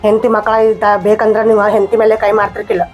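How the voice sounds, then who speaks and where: This village comedy skit features a woman with a North Karnataka Kannada accent as an angry wife who left her husband, scolding and arguing at a racing pace. Her medium-pitched, level voice stays close to how she'd normally talk, with the highs cut off and faint music in the background.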